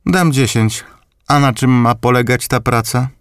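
A man voicing a crude, sharp-tongued grandmother nearly eighty in an audiobook. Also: medium pitch, a little slow, smooth, no room sound, clean studio sound, voice pushed up, close to an everyday voice. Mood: curious. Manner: testy, crude, curt. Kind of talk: audiobook reading.

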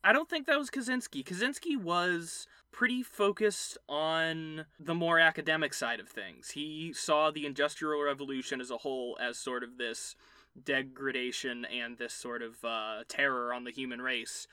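A man's voice: a little high, normal speed, pushed and bright, smooth, no room sound. A man in his twenties co-hosting a podcast, talking in a loose, joking way with plenty of fillers. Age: 20s. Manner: laid-back, joking, loose phrasing with fillers. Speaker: podcast co-host. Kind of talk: casual chat.

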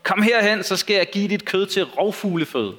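A man's voice: high-pitched, animated, a bit bright. A man voicing a boastful giant warrior who roars with contempt in a read-aloud Bible story. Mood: contemptuous. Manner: roaring, contemptuous.

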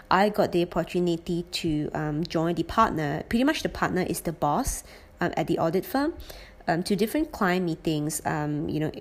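In a lowish voice, a woman in her late twenties looks back on her time as an auditor in a relaxed, reflective monologue. She speaks thoughtfully, pausing often and restarting sentences with many "um" fillers.

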